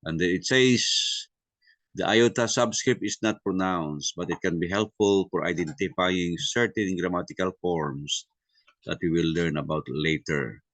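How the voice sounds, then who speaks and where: A man teaching a Greek review class. He mixes Tagalog and English, uses many fillers and tag questions, and slows down to spell out sounds. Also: deep voice, a bit bright, no echo. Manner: spells out sounds slowly and deliberately.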